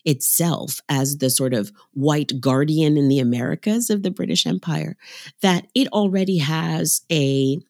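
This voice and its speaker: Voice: mid-range voice, a little slow, creaky, a little mellow, no room sound, studio quality. A historian explaining a topic fluently and analytically, often checking in with "right?". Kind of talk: expert interview commentary.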